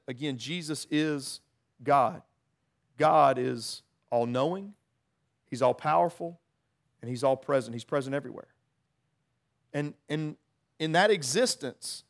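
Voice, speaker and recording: Earnest high-voiced man preaching. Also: creaky. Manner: earnest, informal, with frequent restarts and repeated words. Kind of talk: conversational sermon.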